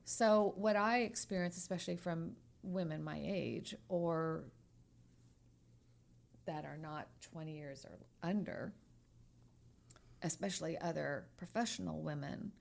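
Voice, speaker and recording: Her voice is low and gravelly, a little slow, with frequent pauses. She's a trial lawyer in her sixties co-hosting a podcast, talking frankly and emphatically in a candid exchange and repeating phrases as she gropes for words.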